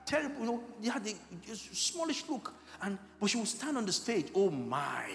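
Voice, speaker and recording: A man preaching a sermon as pastor, telling an emotional story that swings from hushed words to loud cries. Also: high-pitched, wildly swooping pitch, moderate pace, gravelly, echoey room, big-room sound, a little hiss or hum.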